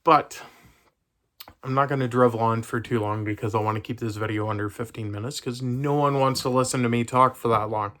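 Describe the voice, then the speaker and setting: A man's voice: mid-range voice, steady tone, brisk, a bit bright. A young man talking casually to his camera, hesitant and rambling with many fillers. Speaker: vlogger.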